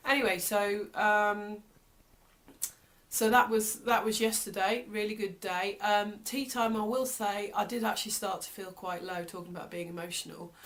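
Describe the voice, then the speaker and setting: A woman's voice: mid-range voice, fairly even intonation, moderate pace, fairly bright tone. A British woman talking casually in a personal video diary, reflective and hesitant, often trailing off mid-thought. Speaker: vlogger.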